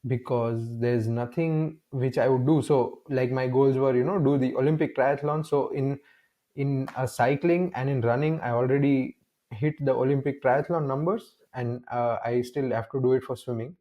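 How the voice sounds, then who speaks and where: A young Indian man, a guest on a casual interview, tells stories with lots of energy, acting out small bits of dialogue and frequently starting his sentences over. His voice sits at a medium pitch and moves at a moderate pace, though the audio sounds dull.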